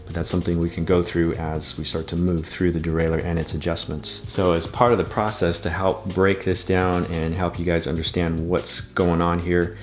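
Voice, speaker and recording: A man giving a patient, methodical bike repair tutorial, talking through each step as he works. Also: low-pitched. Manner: patient, methodical, repeats steps.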